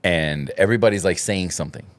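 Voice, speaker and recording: A man's voice: low-pitched, fast. A man in his thirties, a podcast host, telling stories in casual, profane chat. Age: 30s. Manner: swearing, storytelling with bursts of laughter.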